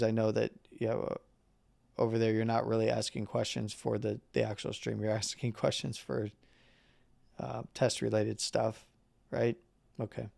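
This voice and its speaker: Gravelly, hoarse man reading chart levels. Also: lowish voice, a little mellow, dry recording. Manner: halting, with fillers and number readouts; clears throat and coughs now and then. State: losing his voice. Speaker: market analysis streamer. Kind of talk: casual live chart commentary.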